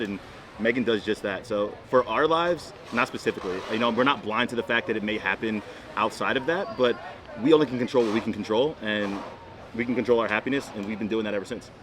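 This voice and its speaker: A man's voice: lowish voice, fast, background noise. A man in his twenties in casual couples chat, rambling and emphatic, often repeating himself to press his point. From Florida, United States. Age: 20s. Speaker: boyfriend in couples Q&A vlog.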